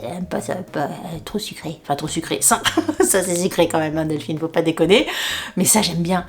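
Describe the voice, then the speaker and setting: A woman vlogger chatting casually to her viewers as she unpacks a food box, rambling, laughing often, and jumping up in pitch when surprised. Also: normal speed. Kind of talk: casual unboxing chat to camera.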